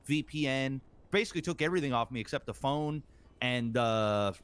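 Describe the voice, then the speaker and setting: A man's voice: medium pitch, lively intonation, normal speed, a bit bright, smooth. A man in character in a roleplay game, telling a long story with lots of ums and uhs and acting out what others said. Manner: rambling retelling, full of ums and uhs, acts out quoted lines. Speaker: roleplay gang member.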